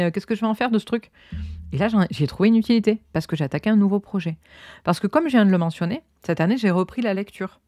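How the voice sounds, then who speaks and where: Woman, Auvergne accent, rambling crochet podcast host, lowish voice, dry sound. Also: a little mellow, no room sound. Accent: Cantal, Auvergne French. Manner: chatty, rambling, full of fillers. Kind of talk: casual chat while crocheting. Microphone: own close microphone.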